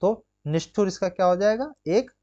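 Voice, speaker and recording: A man's voice: sits high, animated, normal speed, mellow, highs cut off. A man teaching an exam-prep grammar lesson, drilling students with rhetorical questions and constant check-ins. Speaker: Hindi teacher.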